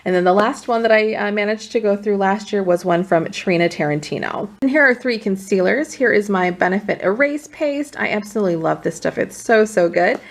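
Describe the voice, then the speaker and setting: With hardly any pauses, a woman in a brisk, mid-range voice runs through products as a beauty vlogger. She talks casually to camera, a little breathless from pregnancy.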